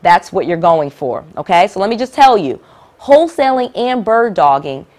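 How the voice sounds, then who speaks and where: Middle-aged woman coaching newbie investors, punchy, repeats herself, keeps asking "okay?", mid-pitched voice. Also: big pitch swings, moderate pace, a little mellow. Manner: emphatic, repeats key points, frequent "all right?" and "okay?". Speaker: real estate investing educator. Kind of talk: direct-to-camera teaching.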